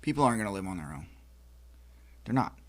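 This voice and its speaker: A man's voice: on the low side, very animated, fast talker. A man from the United States in a casual roundtable chat, talking emphatically and restarting his sentences as he lectures. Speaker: podcast co-host.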